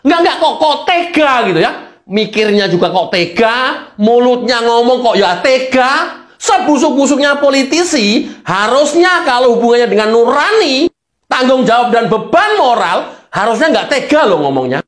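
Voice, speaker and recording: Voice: mid-range voice, very animated, moderate pace, reverberant. A political commentator, delivering a heated opinion monologue in an indignant, mocking way, repeating phrases for emphasis.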